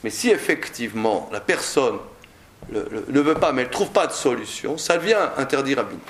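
A man teaching a lively Talmud class to a group, explaining with animated, theatrical examples. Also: medium pitch, a little fast, slight background noise. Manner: animated, acts out examples with mock anger. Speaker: Torah teacher. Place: study room with a group. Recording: roomy echo.

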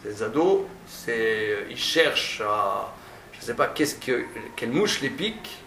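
A male teacher giving a classroom lecture, often stammering and restarting, stressing points with drawn-out phrasing. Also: mid-range voice, very animated, creaky, pushed and bright. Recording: echoey room, distant mic, faint noise.

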